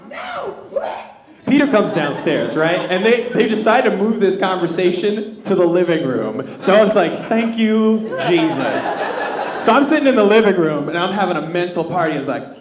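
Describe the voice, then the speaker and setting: A man doing live stand-up comedy, telling stories and working the crowd in an animated, self-deprecating, profane way. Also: high-pitched. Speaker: stand-up comic. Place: indoor comedy club stage before a live audience. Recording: echoey comedy club with audience. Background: audience laughter.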